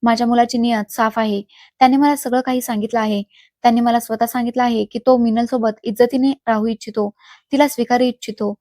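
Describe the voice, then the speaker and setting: Woman doing a soft-spoken polite mother, mellow and calm. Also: a little high, brisk, no echo, clean studio sound, natural voice. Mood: gentle. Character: gentle polite middle-aged mother.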